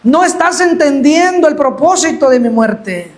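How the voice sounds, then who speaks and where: A preacher voicing Jesus, slow and solemnly stern. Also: male voice, very high voice, expressive. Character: Jesus, a grown man giving a solemn, stern rebuke.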